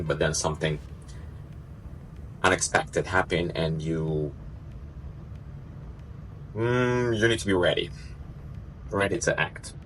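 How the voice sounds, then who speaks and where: A man's voice: extremely low pitch, a bit bright. A man chatting casually as he vlogs his working day as an assistant cruise director. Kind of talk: casual vlog chat.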